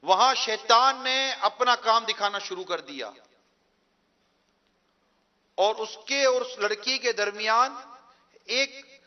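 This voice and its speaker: Male preacher, bright high voice, dull lo-fi recording, earnest sermon storytelling. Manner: earnest, drawn-out storytelling with slow emphatic endings.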